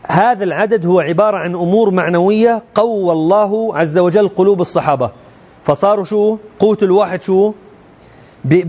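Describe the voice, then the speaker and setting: On a lo-fi recording, a high-pitched man explains a creed text to his students. His style is colloquial, and he frequently throws rhetorical questions at the class.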